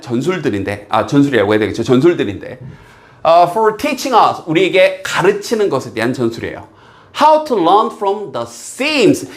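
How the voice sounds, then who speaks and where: Animated Korean man teaching English. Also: sits high. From South Korea. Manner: animated, reads English lines slowly then explains quickly. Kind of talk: lively exam-prep lecture.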